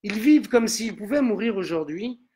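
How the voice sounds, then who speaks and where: A man's voice: sits high, expressive, normal speed, dark tone, slight background noise. A man translating a sermon into French, earnestly repeating each line after the preacher. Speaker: interpreter.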